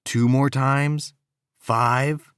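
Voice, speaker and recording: A man's voice: mid-range voice, fairly even intonation, very slow, a bit bright, smooth, no echo, clean studio sound, voice pushed up. A male audiobook narrator voicing a weary, fed-up teenage boy who speaks bluntly.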